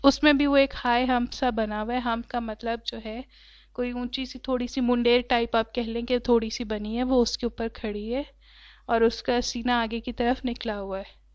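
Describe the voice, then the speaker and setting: A woman teacher explaining an English textbook story. She reads each English line slowly, then explains it at length with many fillers. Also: a little high, little pitch movement, no room sound. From Pakistan. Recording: dull lo-fi dry recording.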